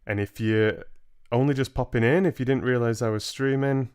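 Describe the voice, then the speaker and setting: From a small indoor room at home, a twenty-something man livestreams himself reading a book aloud and chatting casually. He speaks at normal speed in a medium-pitched voice that is steady, a little mellow, and smooth.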